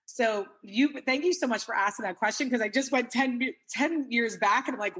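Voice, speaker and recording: A woman's voice: fairly high pitch, normal speed, a bit bright, breathy edge. A woman coach in an interview, talking in an earnest, emotional way with lots of filler words, tearful. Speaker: guest coach. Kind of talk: casual interview chat.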